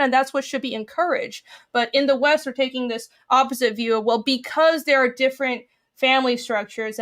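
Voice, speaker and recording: A woman's voice: high-pitched, a bit bright. A young woman from Taiwan, a guest on a casual podcast chat, talking earnestly and opinionatedly in long run-on thoughts.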